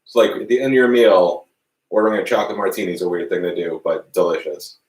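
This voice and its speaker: A man's voice: deep voice, fairly even intonation, fast talker, distant mic. A man guesting on a casual cooking stream, talking in a dry, joking way. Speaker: guest, former bartender. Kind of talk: casual live-stream chat. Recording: roomy echo, a bit away from the mic.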